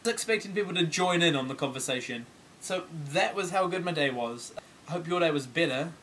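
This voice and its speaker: An exasperated teenage boy rants through a comic story to his camera, swearing freely and switching into other people's lines as he goes. His voice sits a little high for a man. A faint hiss runs underneath. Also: expressive, a little fast, fairly bright tone. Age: teens. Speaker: vlogger.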